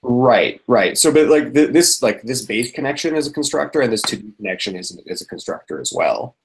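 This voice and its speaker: A man presenting software proposals in an online meeting, walking through code examples step by step. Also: medium pitch, animated, a little fast, vocal fry, a little hiss or hum, poor audio. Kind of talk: technical explanation in a meeting.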